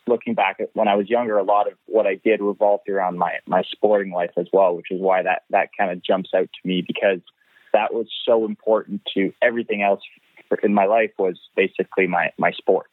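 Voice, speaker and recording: A man's voice: fairly low pitch, no echo. A man from Canada, a race car driver, talking over the phone in an interview and often repeating words as he thinks. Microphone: phone line. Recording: tinny dry phone line.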